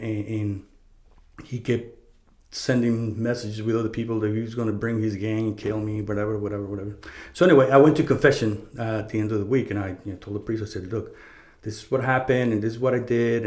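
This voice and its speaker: A man's voice: on the low side, darkish tone. A middle-aged man telling a personal story in a casual, rambling way, with frequent swearing, fillers and restarts. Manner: conversational, profane, many fillers and restarts. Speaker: podcast host. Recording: roomy echo.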